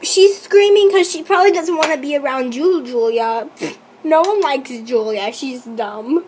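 A young woman reacting to a texting game she reads aloud, with excitable, teasing and exasperated commentary. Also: high voice, normal speed, slight background noise. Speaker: YouTuber playing a chat-story app.

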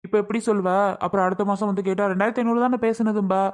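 Man playing a landlord, middle-aged, fast-talking, pushy, haggling, repetitive, village skit. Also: high voice, fairly even intonation, darkish tone, close to an everyday voice.

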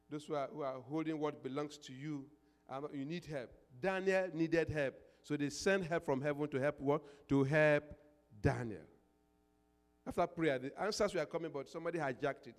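An older man preaching a sermon as a pastor, emphatic, repeating phrases and posing call-and-response questions into a handheld microphone. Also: fairly high pitch. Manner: emphatic, swelling into prayer declarations. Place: indoor church stage. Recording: reverberant church hall.

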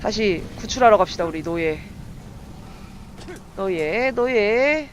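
A woman streamer giving let's play commentary, excitable and talking to her viewers as she plays. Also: medium pitch, slow pace, slight background noise, rough recording. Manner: excitable, talks to viewers while playing. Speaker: game streamer.

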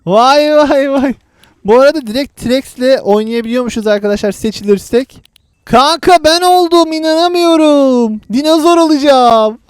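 On his gaming channel, a man with an extremely high pitch delivers excitable, chatty commentary on the play for his viewers while ribbing the friend he's playing with. His pace is moderate and the recording is dry.

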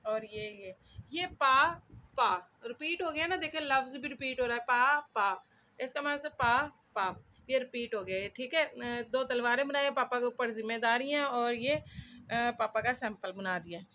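A woman's voice: fairly high pitch, unhurried, pushed and bright. A woman studying at home who talks through her own notes in a casual, chatty way, often checking in with listeners and thinking aloud. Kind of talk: casual self-made lesson, explaining while writing characters. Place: cluttered room at home.

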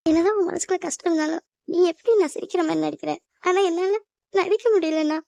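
A woman's voice: very high voice, brisk, gravelly, a bit bright, no echo, exaggerated voice. A woman voicing a crying young bride in a cartoon family drama, pleading and apologetic. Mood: tearful. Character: tearful young bride leaving home.

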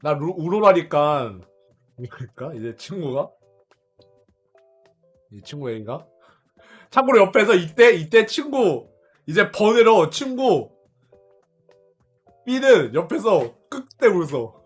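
A man's voice: sits high, big pitch swings, slow, long pauses, husky, faint music behind. A young man streamer casually telling a story to his viewers, laughing often, repeating himself and swearing along the way.

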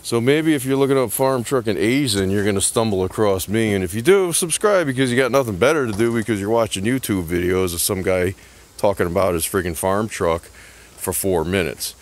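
Deep-voiced sarcastic middle-aged man. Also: a little fast. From Connecticut, US. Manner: sarcastic, joking, scattered. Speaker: YouTube vlogger and truck tinkerer. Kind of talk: casual rambling vlog. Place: outdoor gravel yard. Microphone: handheld phone camera, speaker off-screen.

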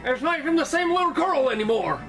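A woman co-hosting a let's play, reacting excitably and swearing as she plays. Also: sits high, fast talker. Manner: excitable, swears when startled. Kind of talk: casual gaming banter. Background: video game music.

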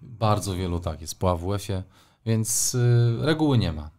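A middle-aged man with a very low voice speaks as an interview guest. He answers with care, pausing often on fillers as he works through his thoughts. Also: lively intonation, darkish tone. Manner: thoughtful, with frequent hesitations and fillers. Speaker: sports journalist, guest.

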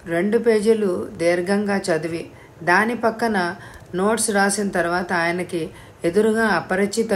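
Woman narrating an audiobook, lowish voice. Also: slight background noise. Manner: steady, expressive storytelling. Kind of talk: novel reading.

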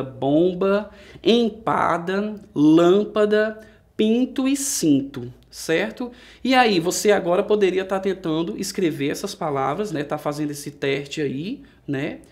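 A man with a Brazilian Portuguese accent teaching a recorded adult-education lesson, explaining patiently step by step and sounding out words slowly, syllable by syllable. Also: sits high, gravelly, darkish tone. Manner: patient, explains step by step, often checks with "né?" and "certo?".

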